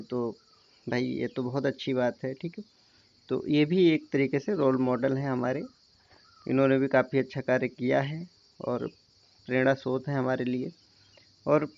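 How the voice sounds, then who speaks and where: A man's voice: a little high, gravelly. A man teaching an explanatory lecture, who often stops to check that his listeners are following. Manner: repeats "theek hai" to check understanding. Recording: dull lo-fi recording.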